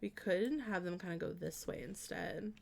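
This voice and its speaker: Here the streamer's voice is lowish and darkish with vocal fry, at an ordinary pace. It's casual live-stream talk as she builds a house in a life-sim game: she wanders through her ideas aloud, often trailing off and starting over, and stays warm and chatty whenever she greets or answers viewers.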